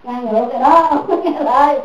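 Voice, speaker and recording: A woman's voice: high-pitched, fairly quick. A woman giving a Buddhist dharma talk as a teacher, repeating her points and asking listeners "right?" again and again. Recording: echoey room, mic far off.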